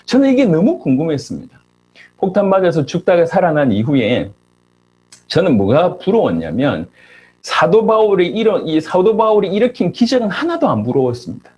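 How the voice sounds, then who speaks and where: A middle-aged man preaching a sermon as a pastor, firing off rhetorical questions and rising sharply in pitch for emphasis. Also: very animated, moderate pace, a little mellow, husky.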